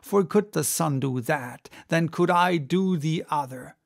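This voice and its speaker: A man's voice: on the high side, unhurried, creaky. A man voicing an obsessed, vengeful whaling captain in an audiobook, intense and declamatory. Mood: brooding, defiant.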